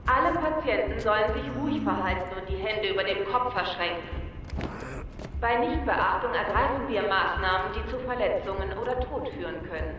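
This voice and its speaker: An actress voicing a stern adult female alarm announcer who issues formal, commanding warnings over a public address loudspeaker. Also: mid-range voice, normal speed, slight background noise. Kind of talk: video game voice acting. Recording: echoey distant loudspeaker in a hall. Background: game music.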